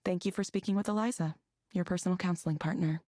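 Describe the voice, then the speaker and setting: A woman playing a reserved counseling proxy in a visual novel, speaking politely and in a measured way. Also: on the low side, steady tone, mellow, dry recording, clean studio sound, close to an everyday voice. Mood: measured, scripted. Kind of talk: naturalistic visual novel voice acting.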